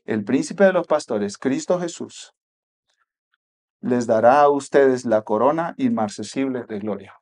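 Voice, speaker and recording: A male pastor preaching a sermon. He speaks emphatically, repeats rhetorical questions, and swings from loud passages to hushed ones. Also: mid-range voice, measured pace.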